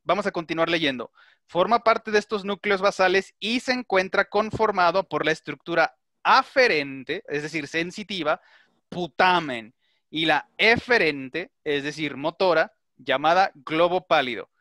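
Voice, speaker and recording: A man's voice: on the high side, measured pace, sharp tone, no room sound, clean studio sound. A middle-aged man teaching an online class, explaining step by step and checking that his students follow.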